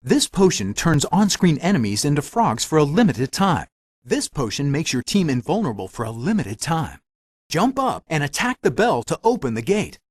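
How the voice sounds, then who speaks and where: A man's voice: on the high side, very animated, normal speed, dry recording. A man voicing a helpful magic mirror, a theatrical fairy-tale guide giving scripted, instructive video game hints.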